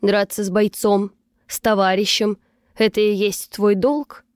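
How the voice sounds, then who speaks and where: A woman's voice: mid-range voice, level tone, a little slow, darkish tone, no echo, natural voice. A woman voicing a stern, commanding young male fighter who speaks in clipped reproaches. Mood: scolding.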